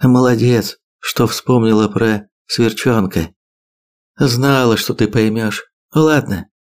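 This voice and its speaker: A man reading an audiobook, voicing a stern middle-aged father with a forceful raised voice. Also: medium pitch, takes it slowly, close to an everyday voice. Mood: tender.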